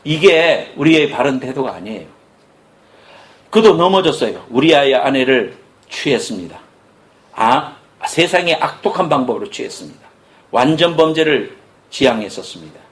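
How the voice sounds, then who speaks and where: A middle-aged male pastor delivering an animated sermon, dropping low and soft when he quotes God. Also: normal speed.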